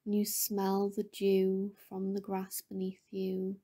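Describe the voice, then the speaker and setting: At a medium pitch and with a completely flat delivery, a woman guides a meditation. She speaks softly and breathily, often near a whisper, calm and gentle, with lingering pauses between phrases.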